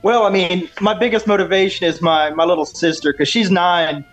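A man with a high-pitched voice talks as a pro wrestler in a casual interview. He sounds earnest and sure of himself, with faint music behind him. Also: fairly even intonation, moderate pace, poor audio. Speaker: professional wrestler being interviewed. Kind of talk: casual interview talk with confident self-promotion.

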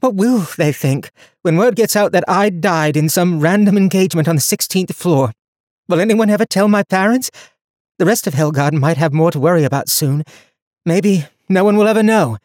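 A man's voice: sits high, expressive, normal speed, darkish tone, no echo, studio quality, pitched above the performer's own voice. A man voicing an earnest young woman traveler. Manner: earnest, rambling when tired. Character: determined young woman traveler, capable, weary.

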